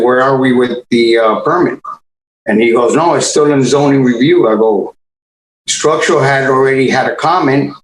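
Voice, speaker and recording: A man giving informal testimony as a property owner, explaining step by step what happened. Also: medium pitch. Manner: explanatory, retells conversations with quotes. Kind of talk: informal testimony, recounting events. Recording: echoey video call, faint noise.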